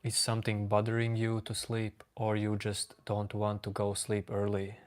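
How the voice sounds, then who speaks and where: Calm flat-voiced man with a Latvian accent. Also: fairly low pitch. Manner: slow, calm, reading out chat names. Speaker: livestream host. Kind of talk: casual chat with live chat readers.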